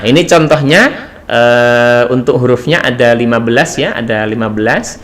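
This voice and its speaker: Man, recitation teacher, unhurried delivery, patient explaining, chanted examples. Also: medium pitch, a bit bright. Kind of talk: tajwid lesson.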